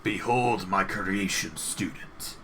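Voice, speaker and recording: An ancient undead lich played by a man, lording it over a student in a fantasy game. The voice is low and deliberate, grandiose and commanding, with a malicious, self-satisfied temper. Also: fairly bright tone, a little hiss or hum. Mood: gleeful, proud. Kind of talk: fantasy game role-play.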